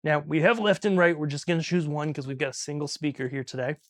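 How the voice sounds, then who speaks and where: A man with a fairly high voice talks quickly in a small studio, with no room sound on the recording. As an audio instructor and video host, he walks through a practical tutorial step by step in a casual style, checking in with frequent "okay"s.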